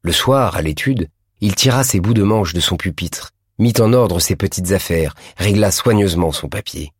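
A man reads a classic novel aloud in a measured, deliberate way. His voice is very low with a husky edge. The recording is dry and close. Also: expressive, dry recording. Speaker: audiobook narrator. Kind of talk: scripted narration of a classic novel.

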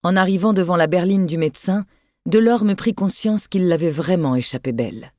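An audiobook narrator reading a thriller in a measured, even storytelling manner. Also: medium pitch, no room sound, studio quality.

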